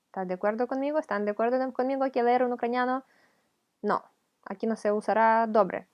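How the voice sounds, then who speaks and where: A woman's voice: on the high side, fairly even intonation, brisk, lo-fi sound. A woman with a Ukrainian accent, a teacher explaining a video lesson patiently, step by step. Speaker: language teacher.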